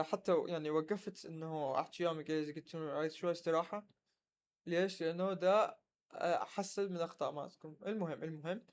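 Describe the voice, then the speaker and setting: Iraqi guy teaching, kinda high voice, says sentences slow so you can copy him. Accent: Iraqi Arabic. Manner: repeats English sentences slowly for learners to copy. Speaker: language teacher. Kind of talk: casual spoken lesson.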